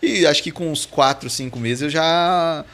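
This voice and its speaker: A man's voice: a little high, moderate pace, fairly bright tone. A man with a Brazilian Portuguese accent, a podcast guest telling casual stories, acting out the dialogue and laughing often. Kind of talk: casual storytelling in a podcast interview.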